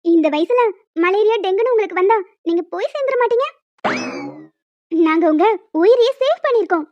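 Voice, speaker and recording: Woman doing cheeky cartoon schoolgirls, chatty and teasing, super high fast voices, dry dull audio. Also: expressive, dry recording. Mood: explaining. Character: cheeky schoolgirls in a hostel group.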